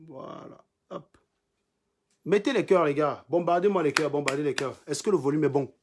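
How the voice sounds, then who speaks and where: A man's voice: on the high side, normal speed. Combative man ranting on a livestream. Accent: Cameroonian French. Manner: mocking, combative, repeats lines for emphasis. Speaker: livestream host. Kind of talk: insulting live-stream rant.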